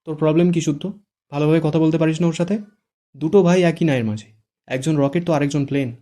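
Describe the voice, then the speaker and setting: A man's voice: medium pitch, brisk, mellow, natural voice. A man voicing a protective young woman who scolds sharply. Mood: scolding.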